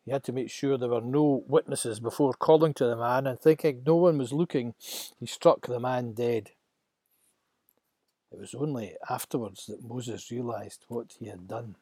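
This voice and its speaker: Male storybook narrator, dark, husky, dramatic, dry close sound. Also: medium pitch, dry recording.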